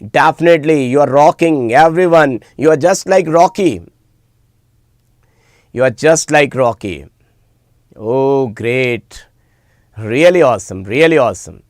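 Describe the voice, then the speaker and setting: A man's voice: mid-range voice, dry recording, studio quality. A man with an Indian accent chatting informally with students as an online teacher, emphatically repeating words and phrases. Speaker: online teacher hosting a live class. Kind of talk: informal live-stream chat with students.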